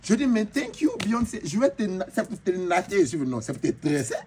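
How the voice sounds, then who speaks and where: Brief: a man doing a showy, bragging female braider chief with an Ivorian French accent, pitched fairly high and swinging wildly up and down. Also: fairly quick, slight background noise. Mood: boastful. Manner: boastful, animated, mixes in broken English. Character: flamboyant boastful female braider chief from a market. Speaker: comedian. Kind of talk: comic monologue in character.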